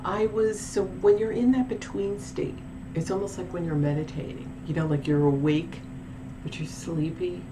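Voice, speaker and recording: A woman's voice: lowish voice, steady tone, moderate pace, background noise. A woman telling a paranormal story in a casual, rambling vlog with many restarts and asides. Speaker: paranormal vlogger.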